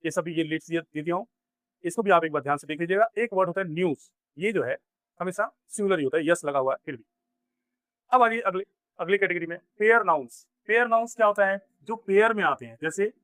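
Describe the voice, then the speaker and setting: With a high-pitched, fairly bright voice, a male English teacher leads a Hindi-language grammar lesson in class. He explains each step and answers his own questions, and the recording is dry.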